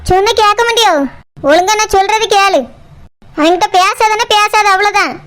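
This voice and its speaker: A woman's voice: very high voice, fairly even intonation, moderate pace, fairly bright tone. A woman voicing a stern, controlling older female relative in a cartoon, scolding with a Kanyakumari Tamil accent. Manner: scolding, commanding. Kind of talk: cartoon voice acting.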